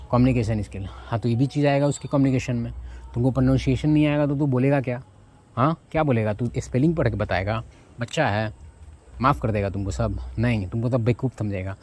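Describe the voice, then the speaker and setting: Blunt, rambling man, mellow low-toned delivery, outdoor rooftop with faint background noise. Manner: rambling, loses track and asks himself what the topic was; blunt, addresses listener with informal tu. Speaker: self-help vlogger. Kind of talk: casual advice talk.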